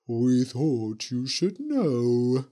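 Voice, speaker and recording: A man voicing an eerie ghost witch in a slow, low, sing-song manner. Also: big pitch swings, mellow. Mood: sly.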